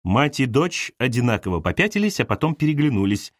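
Man narrating an audiobook, animated, dry close mic. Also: medium pitch, fairly quick, no echo. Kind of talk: expressive audiobook reading.

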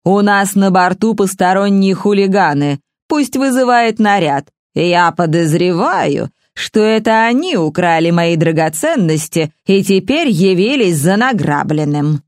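A woman voicing a massive, imperious old lady in a storybook, speaking slowly and deliberately with total command. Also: medium pitch, lively intonation, darkish tone, no room sound, clean studio sound.

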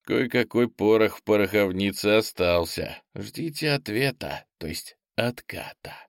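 A man's voice: fairly low pitch, measured pace, vocal fry, dry recording, clean studio sound. A man voicing a brash male soldier-mage commander who barks orders and makes wry, mocking asides.

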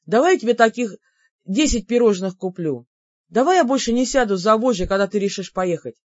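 A woman's voice: mid-range voice, expressive, a little fast, no room sound, muffled recording, close to an everyday voice. A woman voicing a naive, apologetic young man who keeps begging his sister's forgiveness, in an audiobook. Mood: pleading, apologetic. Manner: pleading, sheepish.

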